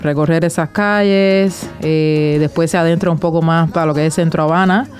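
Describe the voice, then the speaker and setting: A woman's voice: low voice, steady tone, moderate pace, a little mellow, soft background music. A woman with a Cuban accent, chatting casually in an interview and explaining things with lots of fillers. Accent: Cuban Spanish. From Cuba. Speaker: band member and guest.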